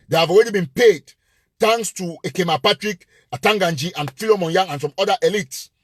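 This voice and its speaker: Emphatic husky man delivering a live address. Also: sits high, dry recording, clean studio sound. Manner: emphatic and repetitive, hammering points with rising force. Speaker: live-show host and political commentator. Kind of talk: impassioned live-stream address.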